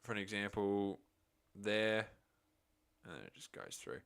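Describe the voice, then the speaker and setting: Australian man, live cricket reaction commentary, unhurried delivery, crisp voice. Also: on the low side. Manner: excitable calls, chatty asides.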